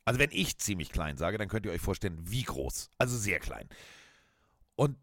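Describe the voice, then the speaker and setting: A man with a German accent co-hosting a chat podcast, telling lively anecdotes and mimicking the voices of people in them. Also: low-pitched, normal speed, no room sound, studio quality. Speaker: podcast co-host. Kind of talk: casual chat, animated storytelling.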